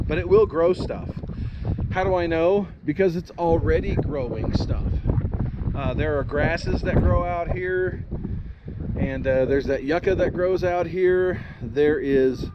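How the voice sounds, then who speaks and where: A man talking casually in a vlog, rambling and folksy with many ums and uhs, outdoors on dry, windy land. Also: a little high. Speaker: homesteader vlogger. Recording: slightly dull, faint outdoor noise.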